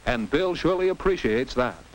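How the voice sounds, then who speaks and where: This is a mid-range male voice with lively intonation, moving at normal speed. The speaker is an American man reading a didactic script for a 1950s teen educational film, asking questions and exclaiming like a commentator. The audio carries the noise of an old 1950s film soundtrack.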